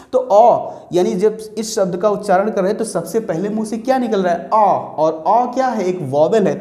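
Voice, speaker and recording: A male teacher walks through a grammar lesson step by step, repeating points and answering his own questions. His voice sounds dark and mellow. The room around him echoes. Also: high-pitched. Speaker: English teacher.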